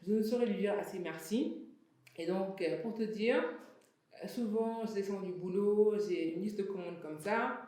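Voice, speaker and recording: A young woman from Senegal and Benin speaks as a studio guest, frank and animated, stopping often with hesitations. Her voice sits in the middle range and sounds set back from the mic in a very roomy space. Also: medium pitch, normal speed. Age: young adult. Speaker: guest, fashion entrepreneur. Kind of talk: casual interview talk. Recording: very echoey room, distant mic.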